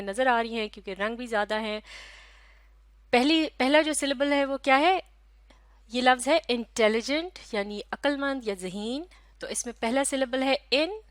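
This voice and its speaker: A woman teaching a recorded lesson in a patient, unhurried way. She sounds out each word slowly and says it again. Her voice sits a little high and the sound is close and dry, with no room echo. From Pakistan. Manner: slow, patient, spells out syllables and repeats words.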